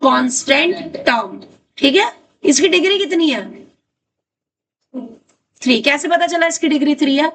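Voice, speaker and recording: A woman's voice: high-pitched, lively intonation, a little slow, pauses often, fairly bright tone. A woman math teacher who drills her students, repeats her questions and calls on them by name. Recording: distant mic with faint noise.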